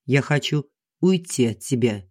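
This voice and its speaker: A narrator voicing a calm, restrained husband who speaks plainly, in an audiobook. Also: mid-range voice, measured pace, breathy edge, no room sound, clean studio sound. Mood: resigned. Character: quiet, restrained husband and forester. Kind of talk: audiobook character reading.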